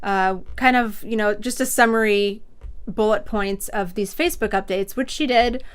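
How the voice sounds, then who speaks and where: A woman's voice: medium pitch, normal speed, clean tone. A woman hosting a podcast in casual interview chat, gushing with bubbly enthusiasm. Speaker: podcast host.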